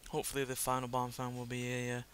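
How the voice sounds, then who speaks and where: A man's voice: medium pitch, completely flat delivery, fast talker. A man hosting a video game playthrough with casual, understated, rambling commentary. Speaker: gaming video host. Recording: loud car engine noise behind voice.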